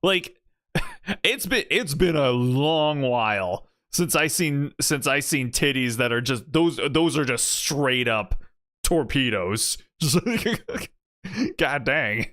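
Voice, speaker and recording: A man's voice: medium pitch, lively intonation, fairly bright tone. A young man streaming a game, reacting casually with crude jokes and reading bits of narration aloud. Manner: joking, crude, drawn-out asides.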